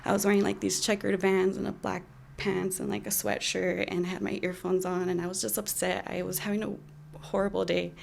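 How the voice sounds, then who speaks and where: Candid young woman with a gravelly edge. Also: medium pitch, level tone, a little hiss or hum. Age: 20s. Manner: candid, halting, many fillers. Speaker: storyteller. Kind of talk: personal storytelling.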